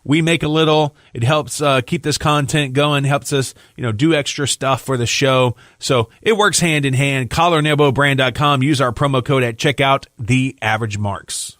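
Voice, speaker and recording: A man's voice: medium pitch, steady tone, normal speed, few pauses, a bit bright, no room sound. Male co-host, chatty and loose, tired, dry close mic. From Louisiana. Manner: chatty, loose, with filler words. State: tired, yawning. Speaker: podcast co-host. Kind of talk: casual podcast chat, reading sponsor plugs.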